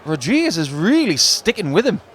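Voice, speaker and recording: A man's voice: high-pitched, big pitch swings, brisk, fairly bright tone. A man giving analytical, chatty live commentary as a darts co-commentator. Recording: crowd noise behind commentary. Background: darts crowd.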